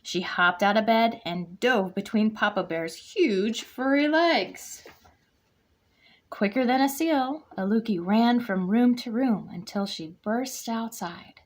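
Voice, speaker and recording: A woman whose voice runs on the high side takes her time reading a children's picture book to a kindergarten class. She's there as a guest reader and reads expressively, playing out the characters' lines.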